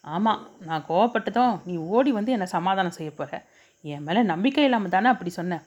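A man's voice: high voice, expressive, moderate pace, a little mellow, dull audio. A woman voicing a playful young man who teases and coaxes his fiancée, in a storybook reading. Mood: teasing. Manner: teasing, coaxing. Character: playful young male lover, teasing.

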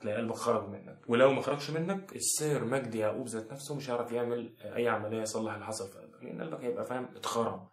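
A man's voice: medium pitch, steady tone, racing, hardly any pauses. A young man with an Egyptian accent delivering a sarcastic, mock-serious comic advice monologue to the camera. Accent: Egyptian Arabic. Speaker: comedy vlogger. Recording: echoey room.

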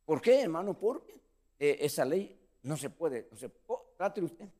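A man preaching a sermon as pastor, calling listeners brother and acting out the scripture scene. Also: moderate pace. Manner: preaching with lively pitch swings, addressing listeners as brother.

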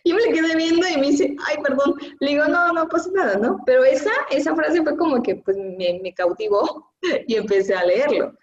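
A woman's voice: high voice, normal speed, darkish tone. A woman with a Mexican accent gives an earnest, emotional personal testimony as an interview guest, talking with many fillers. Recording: echoey, dull lo-fi room sound.

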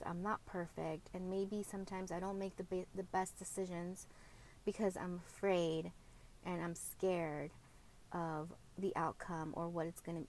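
A podcast host of Mexican heritage who grew up speaking Spanish at home reflects candidly in a personal monologue, her voice slightly low. She's open and thoughtful, with frequent fillers and self-corrections, over slight background noise and rough recording quality.

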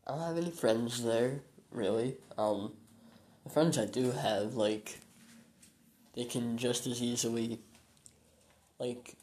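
A tired young man in his late teens talks through a loose solo podcast into his phone. He stalls on ums, trails off into sighs and wanders from thought to thought, his voice sitting in an ordinary middle pitch. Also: a little mellow, breathy edge. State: weary and low. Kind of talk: rambling casual monologue.

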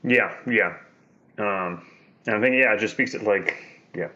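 Man, podcast co-host, lowish pitch, bright forceful tone, rambling and jokey, dull lo-fi mic. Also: unhurried. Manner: rambling, many restarts, jokey. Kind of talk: casual chat.

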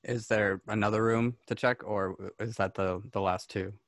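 Male tabletop player, lowish voice, casual role-play chat, dry sound. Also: fairly even intonation, moderate pace, dry recording.

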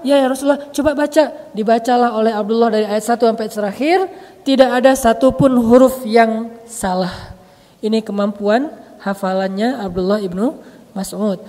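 A man from Indonesia giving a casual, humorous sermon with lively storytelling and jokes. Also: extremely high pitch, in a large hall. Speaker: preacher.

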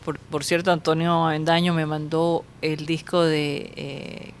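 A woman's voice: low voice, level tone, a little slow, slight background noise. A woman in her fifties co-hosting a podcast, chatting conversationally and drifting into asides. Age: 50s. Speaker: podcast co-host. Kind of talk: casual chat.

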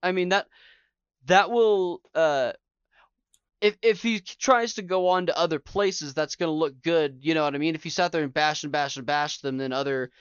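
A man's voice: fairly high pitch, moderate pace, smooth, no echo, dull audio. A man co-hosting a casual gaming news chat, reading out news items and giving blunt opinions. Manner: reads news items aloud, animated and blunt. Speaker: podcast co-host.

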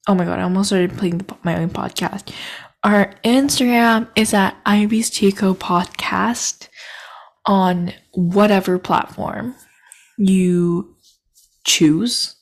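Young woman, solo podcast host, casual rambling chat, giggly, self-deprecating, scattered, mid-pitched voice, podcast mic. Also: slow, gravelly. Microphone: podcast microphone.

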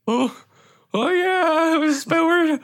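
A game master voicing a frantic, excitable male cart pilot in a tabletop game, with a squeaky, breathless voice that keeps laughing. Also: slow, heavily acted. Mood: giddy.

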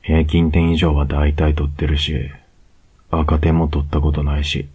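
Speaking as a cocky young student with a Kansai lilt, a man whispers a teasing role-play in a full character voice. He murmurs closely and unhurriedly, laughing softly, his extremely low, husky tone slow, even and monotone with little rise and fall.

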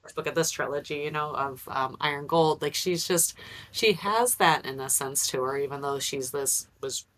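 A woman's voice: low voice, moderate pace, a bit bright. A woman on a casual book podcast, speaking in an easygoing, rambling way. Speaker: podcast guest.

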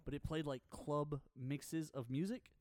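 Higher-voiced man telling rambling radio stories. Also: unhurried, dry recording, clean studio sound. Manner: animated storyteller, acts out sounds and quotes. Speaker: radio co-host. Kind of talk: casual chat, rambling anecdotes.

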